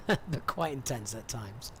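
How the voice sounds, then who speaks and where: Man, average pitch, casually narrating a simulated flight over light cabin noise. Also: expressive, takes it slowly, pushed and bright. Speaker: livestreamer flying a flight simulator. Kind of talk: casual livestream commentary with pilot readbacks.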